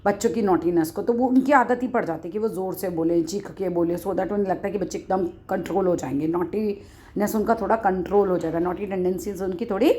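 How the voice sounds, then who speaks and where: A woman teaching an online English class. She reads each English sentence slowly and carefully, then breaks it down in Hindi mixed with English. Her pitch sits in an ordinary middle range. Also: mellow. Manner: mixes Hindi and English, asks the class questions. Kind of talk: online class explaining a story text.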